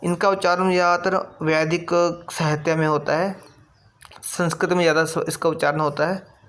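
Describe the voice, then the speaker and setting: A man teaching a grammar lesson, explaining slowly and deliberately, repeating each point and drawing out sounds as examples. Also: a little high, fairly even intonation, a bit bright.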